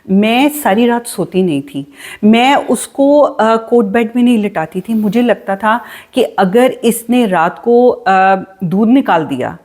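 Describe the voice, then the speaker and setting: A woman, co-hosting a casual podcast chat and telling stories with animation. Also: medium pitch. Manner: animated storytelling, voice rises as she relives her worries. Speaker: podcast co-host.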